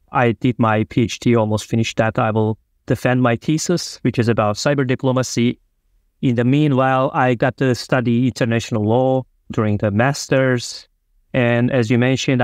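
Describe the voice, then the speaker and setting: A Turkish man appears as a guest in a remote interview, speaking earnest but loosely phrased non-native English. His mid-range voice, with its Turkish accent, sounds dry and close, with no echo.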